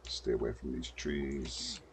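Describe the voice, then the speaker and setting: A man's voice: rumbling low, wildly swooping pitch, slow, gravelly, noisy background. An older man giving casual gameplay commentary, muttering to himself as he plays at a desk mic. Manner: muttering to himself while playing. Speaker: gameplay streamer.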